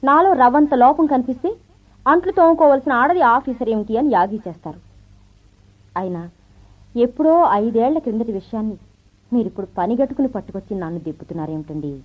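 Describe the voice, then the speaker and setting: An actress playing a confident career wife and officer in an old radio show, brisk and teasing, with the thin sound of a vintage radio broadcast. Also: female voice, on the high side, expressive, phone-quality sound. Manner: brisk, self-assured, teasing speech with light laughs. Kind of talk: 1970s radio drama acting.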